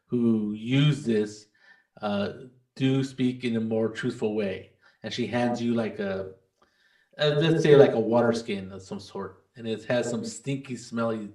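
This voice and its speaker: A man runs a tabletop game, explaining what characters do and say. He speaks in halting stretches full of fillers and restarts, at an ordinary middle pitch. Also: a little mellow. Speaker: game master.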